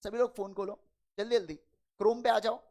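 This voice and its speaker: Gravelly male teacher quizzing his class. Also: high voice, steady tone, darkish tone. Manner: quizzes the class with quick call-and-response questions; fatherly, calls students "beta". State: slightly unwell, talking slower than usual. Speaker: accounting exam lecturer. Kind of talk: classroom lecture in Hindi and English.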